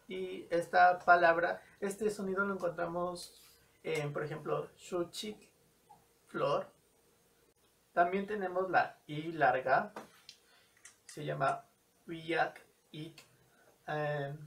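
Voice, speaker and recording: Male tutor, somewhat high voice with a slow, patient pace, repeating words for clarity. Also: creaky, fairly bright tone, recorded from a distance. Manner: careful, repeats example words slowly. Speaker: language teacher. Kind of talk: slow spoken language lesson.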